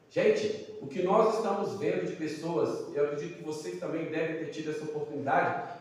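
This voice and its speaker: A man's voice: high-pitched, a little mellow. A middle-aged man with a Brazilian Portuguese accent, preaching a sermon as a guest pastor in a church, with fervent, emphatic declamations. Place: church sanctuary. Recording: echoey church hall from far off.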